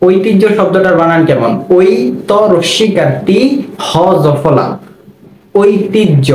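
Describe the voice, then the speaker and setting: Saying every sound twice and quizzing the listener, a male Bengali teacher works through spelling and pronunciation. His voice is high with a darkish tone, and the room sounds spacious, with a little noise in the background.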